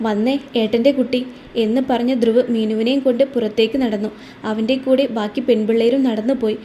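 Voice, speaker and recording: Woman narrating a romance story, soft-toned. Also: a little high, quick pace, lo-fi sound, slight background noise. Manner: steady, expressive reading.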